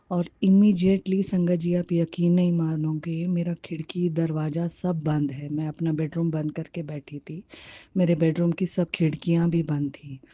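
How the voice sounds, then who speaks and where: A woman's voice: low voice, dry recording, dull audio. A woman sharing a devotional testimony and fervently repeating her words of thanks.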